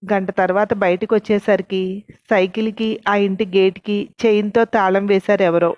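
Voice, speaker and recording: A woman's voice: medium pitch, steady tone, moderate pace, darkish tone, dry recording. A woman narrating a story and reading the characters' lines herself with light voicing. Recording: dull, dry lo-fi sound.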